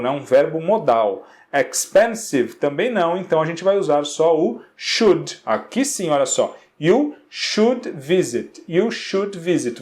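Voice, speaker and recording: A man's voice: on the high side, darkish tone. A male teacher from Brazil patiently walking students through an English exercise in Portuguese, checking in with constant rhetorical questions.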